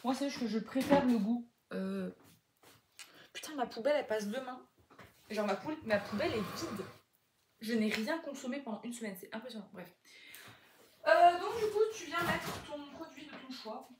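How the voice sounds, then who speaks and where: A young woman from Quebec talks casually into her phone while she cooks, rambling and swearing, in a slightly high voice. Her accent moves between French and Québécois. The kitchen sounds echoey, and a steady noise runs underneath. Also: moderate pace. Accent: mixes French and Québécois accents. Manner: chatty, rambling, swears freely. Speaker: vlogger. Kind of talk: casual chat while cooking. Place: home kitchen. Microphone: phone camera.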